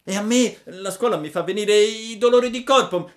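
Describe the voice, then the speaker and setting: A man reading a storybook, voicing a mischievous wooden puppet boy in a high, loud, excitable voice. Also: moderate pace, natural voice. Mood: eager.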